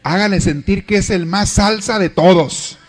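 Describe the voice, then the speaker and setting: A man leads a marriage class. He mixes advice with jokes and acted-out scenes. His voice sits a little higher than most men's. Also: normal speed. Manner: jokey, acts out scenes. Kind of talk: lively lecture.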